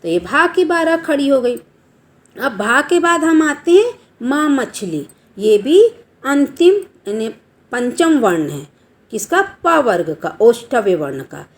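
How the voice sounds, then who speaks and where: A woman teacher talks children through a grammar lesson. Her voice sits high and swings widely in pitch. She goes slowly, spelling out letters and stopping to quiz her students. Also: very animated.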